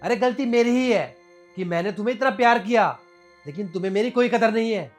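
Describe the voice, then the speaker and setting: A man's voice: high voice, brisk, soft background music, natural voice. A man acting as a husband in a short drama, wounded that his wife slapped him in public and vowing to leave home. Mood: hurt reproach. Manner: hurt, reproachful. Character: wounded proud husband, humiliated and sulking. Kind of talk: scripted web short drama.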